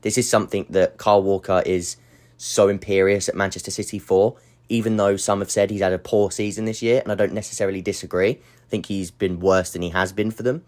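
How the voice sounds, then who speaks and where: A man's voice: low voice, level tone, brisk, darkish tone. A man hosting a football analysis channel, explaining tactics step by step in a voice-over, slightly breathless.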